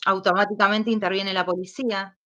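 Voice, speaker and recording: A woman with an Argentine accent, giving personal testimony as an interview guest, speaking slowly and hesitantly as she recalls painful events. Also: mid-range voice, level tone, sharp tone. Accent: Argentine Spanish. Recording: dull lo-fi sound.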